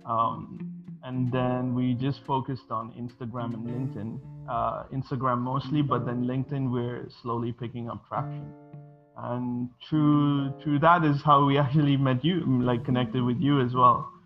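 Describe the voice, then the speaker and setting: A man's voice: mid-range voice, level tone, moderate pace. Hesitant young man, muffled audio with music. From Sri Lanka, raised in Bahrain. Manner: hesitant, many fillers and restarts. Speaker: guest, design studio co-founder. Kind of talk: casual interview answers. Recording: dull lo-fi audio with music behind.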